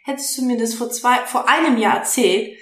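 A woman telling stories in a casual interview, animated and excitable. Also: on the high side, brisk. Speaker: interview guest, podcaster. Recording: echoey room.

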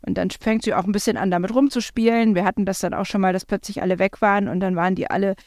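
A woman's voice: medium pitch, fairly even intonation, quick pace, darkish tone, no echo, clean studio sound. A woman, a parent, talking in a chatty, reflective way with frequent fillers. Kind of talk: casual conversation.

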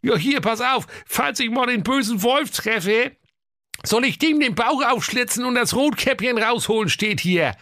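A man's voice: extremely high pitch, expressive, measured pace, pushed and bright, no echo, studio quality, pitched above the performer's own voice, exaggerated voice. A man doing a whiny, grumbling hunter. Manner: whiny, complaining, chatty. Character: sulky overworked male hunter, grumbling. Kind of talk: comic storybook reading.

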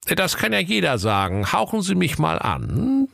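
A man's voice: a little high, wildly swooping pitch, a little slow, creaky, a bit bright, no echo, studio quality, pitched above the performer's own voice, full character voice. A man voicing a pompous male police inspector in an audio storybook, speaking in a stern, officious tone.

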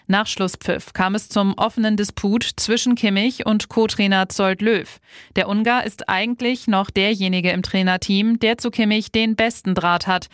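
A woman presenting news stories in a brisk, even, scripted read. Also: mid-range voice, dry recording, studio quality.

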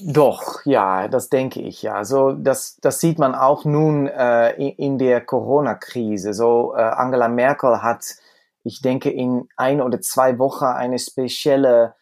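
A man's voice: medium pitch, fairly even intonation, darkish tone. A man from the Netherlands with a Dutch accent, a native Dutch speaker, talking casually as an interview guest and often searching for words. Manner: halting, searching for words in German. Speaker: cabaret performer, interview guest.

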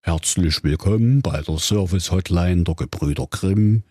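A man voicing a bored fairy-tale hotline clerk who talks in a flat, bureaucratic drawl. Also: low voice, moderate pace, husky, no echo, clean studio sound.

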